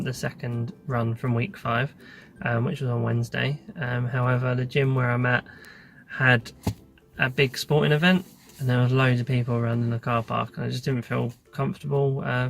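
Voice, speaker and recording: A British man in his thirties talks casually to his phone in a parked car. His medium-pitched voice stays fairly monotone, with a noticeable gravelly fry. He is unscripted and a little hesitant, in the way of an everyday vlogger. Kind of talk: casual vlog talk to camera. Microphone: phone at arm's length.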